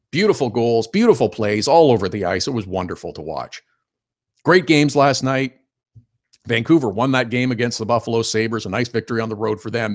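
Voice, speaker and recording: Chatty opinionated male hockey radio host. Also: medium pitch. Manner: chatty, opinionated, laughs while telling stories. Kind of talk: casual hockey radio talk.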